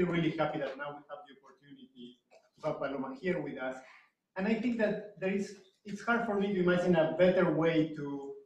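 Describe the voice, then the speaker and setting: A man introduces a guest speaker in a halting, stop-start way, full of ums and restarts. His slightly high voice sounds roomy and far from the microphone, with a faint background hiss. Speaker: event host introducing speaker. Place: university seminar room. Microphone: far room camera. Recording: distant echoey room mic.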